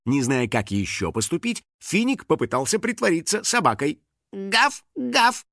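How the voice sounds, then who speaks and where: A man narrating a children's storybook in a lively, theatrical way. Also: medium pitch, normal speed, dry recording, studio quality. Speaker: audiobook narrator.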